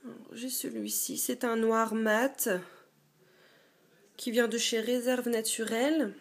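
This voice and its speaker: A young woman's slightly high voice, with fairly even intonation, carries a casual show-and-tell from her dim bedroom, with slight background noise. A chatty beauty vlogger, she's hesitant, pausing often and stuffing the gaps with fillers.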